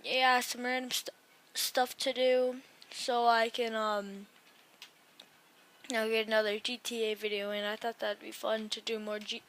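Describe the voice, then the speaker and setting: A woman's voice: a little high, little pitch movement, a little slow, fairly bright tone. A tired young woman with the hiccups, rambling through casual gameplay commentary at her computer. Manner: rambling, trailing off and restarting. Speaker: gaming YouTuber.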